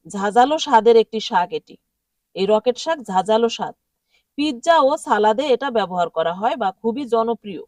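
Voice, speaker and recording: A woman's voice: high-pitched, dry recording. A woman teaching a vocabulary lesson, repeating each word and asking the listener to say it back. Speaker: language teacher. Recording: dry sound from a distant mic.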